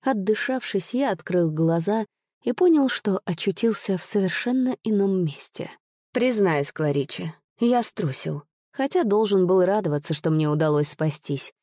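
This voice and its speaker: Woman reading an audiobook, dark and dry. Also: mid-range voice, no room sound. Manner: expressive, measured storytelling. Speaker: audiobook narrator.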